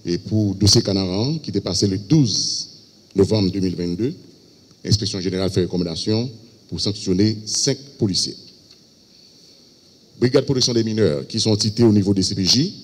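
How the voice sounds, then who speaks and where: A man with a Haitian accent, a police spokesperson giving a press briefing, reading out a list of cases in a halting way. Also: lowish voice. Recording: echoey hall with long reverb.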